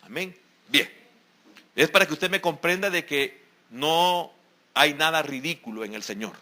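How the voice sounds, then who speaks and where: A pastor delivers an evening sermon in a church sanctuary. His voice sits a little high for a man and rings sharp and forceful. He preaches emphatically and drives his points home through repetition. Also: animated, measured pace. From El Salvador. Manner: emphatic preaching with repeated exhortations. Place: church sanctuary during a service.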